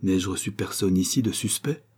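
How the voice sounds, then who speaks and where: A grave doctor speaks solemnly and sternly, as a male reader performs him. The voice is low, dark and husky. He sounds like a learned man in a storybook. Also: moderate pace. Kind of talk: audiobook character reading.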